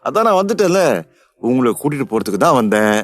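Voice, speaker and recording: A woman voicing a young man who gently soothes and teases a crying friend. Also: a bass voice, big pitch swings, quick pace, no room sound, soft background music, pitched below the performer's own voice, full character voice. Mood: soothing. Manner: gentle, teasing. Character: young man, teasing and caring.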